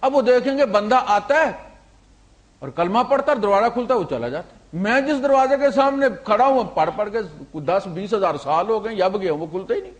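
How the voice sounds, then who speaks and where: A man preaching a storytelling sermon, swinging between loud emphasis and quiet asides, with English words mixed into his talk. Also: sits high, animated. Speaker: Islamic preacher.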